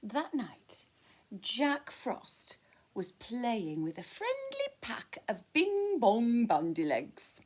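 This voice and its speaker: A woman's voice: a little high, huge pitch swings, drawn-out words, a little mellow, breathy edge. A woman reading a children's story aloud in a dramatic way, dropping to whispers at tense moments.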